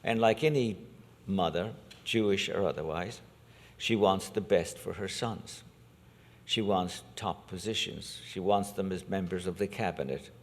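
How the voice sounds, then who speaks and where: A man with a very low voice speaks as a priest from the altar. His delivery is measured and solemn, as in a liturgical reading or homily. Long cathedral reverb trails each phrase. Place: large reverberant church during Mass.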